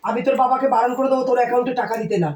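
Woman doing a strict nagging kolkata mom, hoarse from a cold, high voice, echoey room, a bit far from the mic. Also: fairly even intonation, rapid-fire, a little mellow, lightly acted. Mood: scolding. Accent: Kolkata Bengali. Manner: scolding, nagging, raised voice. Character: scolding strict Bengali mother, middle-aged. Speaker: mother in a short family skit.

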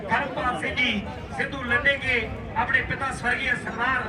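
A man with a very high-pitched voice and a Punjabi accent calls a rural kabaddi tournament in a declamatory style. He weaves in thanks and folk couplets, repeating lines for emphasis. His voice echoes from far off across a crowded outdoor ground. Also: steady tone, normal speed, a loud crowd. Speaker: kabaddi match commentator and announcer. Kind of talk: rural tournament commentary mixed with thank-yous and recited folk verse.

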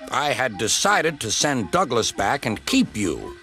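A man's voice: medium pitch, sing-song, measured pace, pushed and bright, soft background music, heavily acted. A man voicing a stern, fussy railway controller in a children's storybook. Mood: disappointed, stern.

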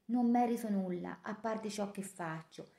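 A woman narrating a novel in the first person with a measured, expressive reading. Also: medium pitch, vocal fry. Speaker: audiobook narrator. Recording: roomy echo.

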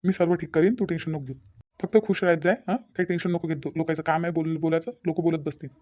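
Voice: mid-range voice, steady tone, fast talker, warm tone, close to an everyday voice. A voice actor playing a kindly, reassuring father figure in a cartoon, with a Vidarbha Marathi accent. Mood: soothing. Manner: reassuring, repetitive. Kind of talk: cartoon voice acting.

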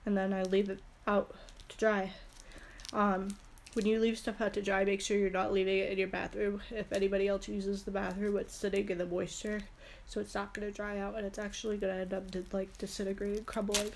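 A beauty vlogger, young and congested with a head cold, chats and rambles with plenty of fillers while showing a product haul to a close phone camera in a small room. Her mid-range voice is creaky and flat, fairly quick, with a little hiss or hum in the sound.

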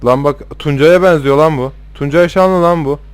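There's slight background noise as a young man with a fairly high voice talks at a moderate pace over his own gameplay. His casual let's-play commentary is rowdy, with plenty of swearing and trash talk directed at the game characters.

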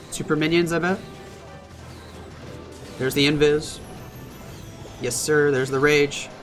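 A man casting a competitive mobile strategy match as solo play-by-play commentary, reacting quickly and excitably. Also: a little high. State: hiccups. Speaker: esports caster.

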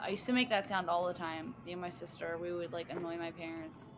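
A woman's voice: on the low side, fairly even intonation, quick pace, background noise. A young woman game streamer giving casual, slangy commentary, partly talking to herself as she plays. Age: young adult. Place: small indoor streaming setup. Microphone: streaming microphone close up, headphones on.

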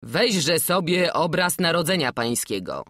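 A woman's voice: sits low, big pitch swings, a little slow, a bit bright, no echo, clean studio sound, pitched above the performer's own voice, exaggerated voice. A woman playing a stern old master carver. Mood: kindly. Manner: commanding, archaic speech. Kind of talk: audiobook character voice.

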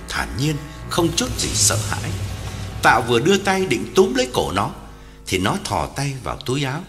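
Brief: male storyteller, ghost story, very lively pitch, hall reverb with music beneath. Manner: dramatic, highly varied intonation.

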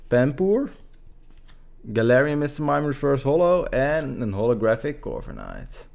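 A man's voice: mid-range voice, big pitch swings, a little slow, creaky, darkish tone. A young man casually commentating on a livestream and reading out card names. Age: young adult. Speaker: card pack-opening streamer. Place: small home room with shelves, indoors.

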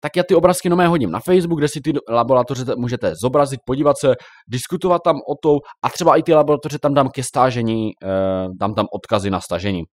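A man's voice: mid-range voice, no room sound, clean studio sound. Chatty young man commenting on gameplay. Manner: chatty, reacts loudly to in-game mobs. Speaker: Minecraft YouTuber.

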